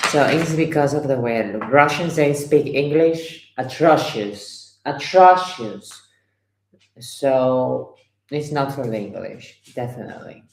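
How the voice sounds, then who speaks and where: A woman's voice: very deep voice, echoey room, poor audio. A woman from Ecuador, a tarot reader chatting casually on a livestream and telling stories. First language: Spanish. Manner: anecdotal, acts out dialogue, chatty asides. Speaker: tarot reader and live streamer.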